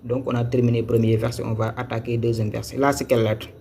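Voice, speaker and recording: A man's voice: mid-range voice, level tone, fast talker, creaky, warm tone, a little hiss or hum. Man teaching step by step. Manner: patient, repeats each step, asks if viewers follow. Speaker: Quran recitation teacher. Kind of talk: live-streamed lesson. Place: Senegal.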